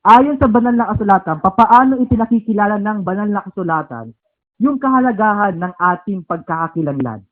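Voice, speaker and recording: A high-voiced Filipino preacher leads an animated Bible lesson at a home gathering. He spells words slowly and constantly checks on his listeners with "okay?" and "di ba?", while the thin, tinny sound suggests a phone line.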